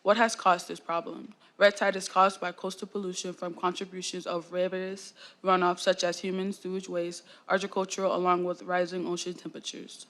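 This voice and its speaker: A young woman student from Florida, reading a prepared class presentation in a steady read-aloud delivery. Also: on the low side, fairly quick, hardly any pauses. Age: young adult.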